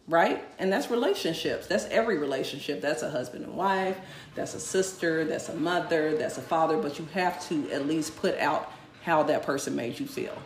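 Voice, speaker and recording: A woman's voice: low-pitched, a little hiss or hum. Emphatic woman talking to listeners, echoey room. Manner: emphatic, addresses listeners directly. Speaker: podcast co-host. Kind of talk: casual chat.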